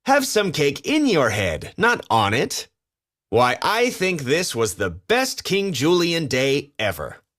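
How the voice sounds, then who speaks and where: A man voicing a bossy, vain, excitable cartoon lemur king with an imperious, theatrical manner. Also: a little high, takes it slowly, pitched above the performer's own voice, exaggerated voice. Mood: smug.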